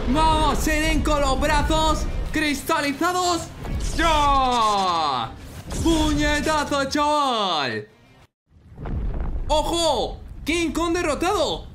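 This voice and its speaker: A young man with an accent from Spain, giving excited, exclamatory reaction commentary as an anime fan. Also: very high-pitched. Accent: Spanish from Spain. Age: young adult. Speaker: reaction video host.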